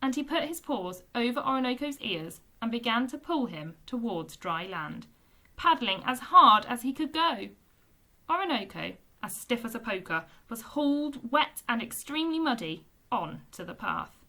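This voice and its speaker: A woman, a teacher, reading a children's book aloud with expressive storytelling. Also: fairly high pitch, moderate pace.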